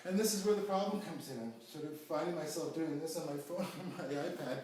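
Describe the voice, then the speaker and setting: Halting man demonstrating stretches in an echoey room. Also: a little high, darkish tone. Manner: explanatory, halting with frequent restarts and fillers. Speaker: stretching instructor. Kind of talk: home workout demonstration. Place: home room during self-isolation. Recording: echoey room, mic at a distance, faint hum.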